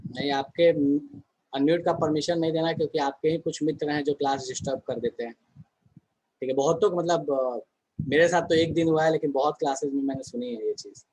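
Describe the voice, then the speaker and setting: A man's voice: a little high, steady tone, normal speed, darkish tone, breathy edge, rough recording. A man teaching a chemistry class online in a conversational way, often asking the students questions and answering them himself.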